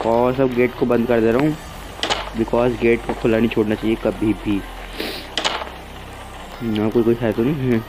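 A man's voice: mid-range voice, flat delivery, normal speed, pauses often, background noise. A man, chatting casually to viewers as he plays a horror game. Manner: chatty, keeps addressing viewers as guys. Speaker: gaming YouTuber. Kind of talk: casual let's-play commentary. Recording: game music behind. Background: game music.

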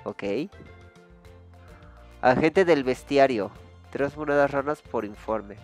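A man's voice: mid-range voice, takes it slowly, soft background music. Laid-back man with a Mexican accent. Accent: Mexican Spanish. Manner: casual, musing aloud. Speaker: gaming YouTuber. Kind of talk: gameplay commentary.

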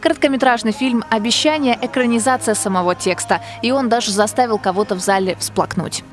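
A woman's voice: fairly high pitch, brisk, soft background music. A woman reporter reading scripted narration for a news report.

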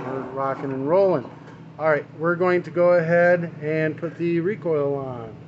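In his workshop, a mechanic chats casually through a hands-on small engine repair, his voice a little high. The lo-fi camera mic picks him up off-frame, over a running engine and general shop noise.

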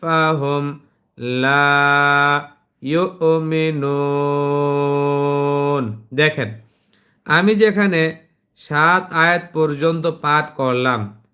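A man with a Bangladeshi Bengali accent leads an online Quran class. His voice sits a little high for a man, and he speaks slowly and patiently. He stretches each recited verse out before explaining it plainly to his students. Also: bright, forceful tone. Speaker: Quran teacher.

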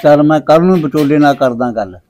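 A man's voice: a little high, quick pace, warm tone, lightly acted. A man acting a middle-aged village husband and father in a family drama, blunt and proud, with a Punjabi accent. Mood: resolute.

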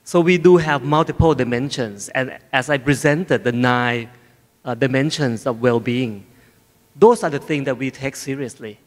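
A middle-aged man answers as a panelist on a conference stage, holding a handheld mic. His voice is mid-pitched and measured, with a long reverb from the hall around it. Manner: measured and earnest, with occasional fillers. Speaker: panelist, research center head.

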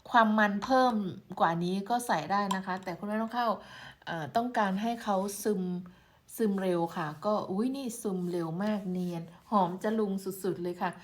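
A woman from Thailand chatting casually in a vlog as she shows and reviews homemade skin creams, exclaiming over each one. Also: medium pitch. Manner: chatty, exclaiming while showing products. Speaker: beauty product reviewer.

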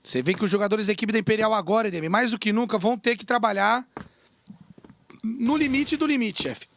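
A Brazilian man commentating esports live in an excitable game-announcer style, stretching and shouting his calls. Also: high voice. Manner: excited, drawn-out shouts on big plays. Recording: clearly noisy game broadcast.

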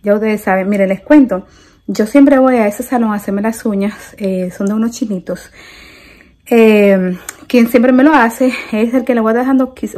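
A woman's voice: medium pitch, a little mellow. A young woman with a Dominican Spanish accent, telling a story in a chatty vlog and repeating phrases for emphasis. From Dominican Republic. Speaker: vlogger.

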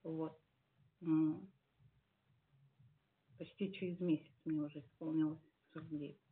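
A woman in her late forties giving a heartfelt church testimony, earnest and musing, with many pauses and fillers. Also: low voice, fairly even intonation. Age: 40s. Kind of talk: personal testimony at a service. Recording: tinny phone-like sound.

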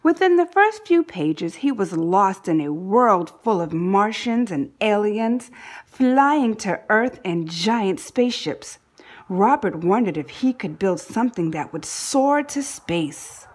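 A storybook reader takes her time with a children's tale, her husky, somewhat rough voice swinging widely in pitch. Deliberate phrasing lets her give important words a dramatic push.

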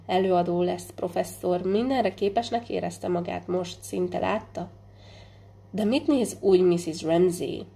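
Gravelly, dark-toned woman reading a novel. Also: fairly low pitch. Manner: measured, unhurried reading with small slips and restarts. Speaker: audiobook reader. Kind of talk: literary audiobook narration.

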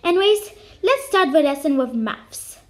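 A young woman voicing Mister Niel, a firm but kindly male teacher in a homemade cartoon, who speaks slowly while instructing. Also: high voice, animated.

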